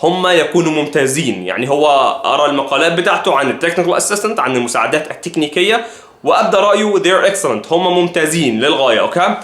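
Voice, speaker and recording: A man with an Egyptian Arabic accent teaching an English lesson, repeating phrases slowly and carefully. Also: a little high, animated, fairly bright tone, reverberant. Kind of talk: language lesson.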